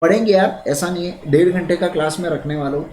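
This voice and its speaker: Male tutor, fairly high voice, energetic call-and-response lecturing, slight room hiss. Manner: lively, repeats phrases, urges students to answer quickly. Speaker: online exam tutor.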